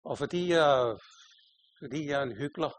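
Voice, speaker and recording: Self-mocking older Danish preacher. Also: male voice, fairly high pitch, no room sound. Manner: storytelling, self-mocking, laughing often. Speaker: pastor. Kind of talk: sermon with personal anecdote.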